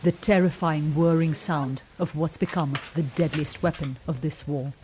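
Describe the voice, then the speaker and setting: A woman war correspondent with a low-pitched voice delivers a frontline news report. Her narration is grave and measured, with some faint noise around it. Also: steady tone, mellow.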